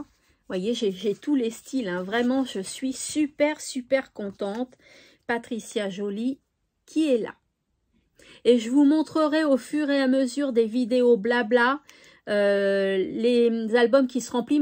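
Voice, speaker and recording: Cheerful high-voiced woman, slow. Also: darkish tone. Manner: chatty, cheerful, says "hop" while sorting. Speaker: scrapbooking YouTuber. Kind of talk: casual vlog chat.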